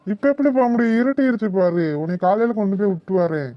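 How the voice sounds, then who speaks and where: A woman's voice: medium pitch, lively intonation, fast, dry recording, highs cut off, natural voice. A woman voicing a kind village man who coaxes and reassures a rescued girl in a cartoon. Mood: coaxing. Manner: coaxing, reassuring. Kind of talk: cartoon voice acting.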